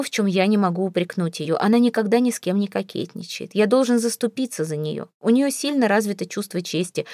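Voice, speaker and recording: Exasperated proud young husband in an audiobook, read by a woman, clipped and indignant, mellow dark tone. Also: mid-range voice, no room sound, clean studio sound, natural voice. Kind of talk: audiobook character reading.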